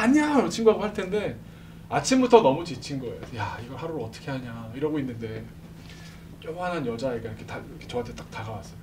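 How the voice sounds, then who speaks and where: A man telling a lively testimony to a church congregation, acting out the voices of the people in his story and laughing often. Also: fairly high pitch. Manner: animated, acts out quoted voices, laughs often. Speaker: speaker at a church service. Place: church sanctuary. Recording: distant mic with background noise.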